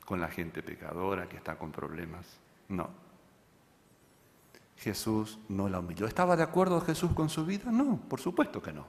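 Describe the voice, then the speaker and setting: A pastor, preaching a sermon and telling a story that he acts out, moving from loud passages to hushed ones. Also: fairly low pitch, big-room sound.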